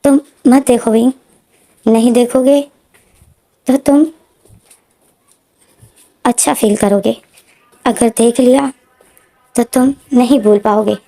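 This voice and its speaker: Lady doing a sad young guy, quiet and holding back tears, soft mellow voice. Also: a little high, steady tone, slow, long pauses. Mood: sorrowful. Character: grieving young man, quiet and tearful.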